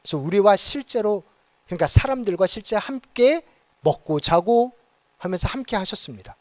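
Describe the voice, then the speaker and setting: A man preaching a sermon as pastor, animated, with dramatic quoted exclamations. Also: high voice, no echo. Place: church auditorium.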